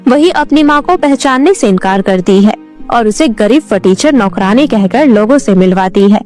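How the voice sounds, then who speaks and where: A woman's voice: on the high side, expressive, normal speed, darkish tone, faint music behind, lightly acted. A woman voicing a magical talking gown in a cartoon story, speaking in a solemn, reproachful way. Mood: stern.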